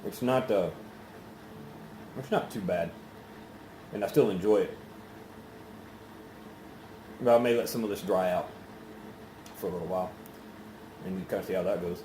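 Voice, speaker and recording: A man chatting casually through a solo review in an unhurried, halting, rambling way, with pauses. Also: low voice, steady tone. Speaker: pipe tobacco reviewer. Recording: roomy echo, faint background noise.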